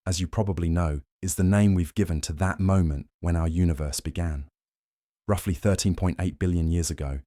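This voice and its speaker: A man narrates a bedtime script for relaxation in a deep, dark, mellow voice. His delivery is gentle and unhurried, soothing throughout. The sound is dry, with no room around it. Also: no echo. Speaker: narrator of a sleep science channel.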